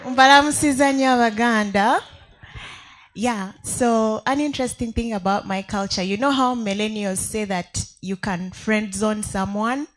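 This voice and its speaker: A woman's voice: mid-range voice, fairly even intonation, moderate pace, hardly any pauses, rough recording. A woman from Uganda with a Ugandan accent, talking informally and playfully to an audience. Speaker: audience participant.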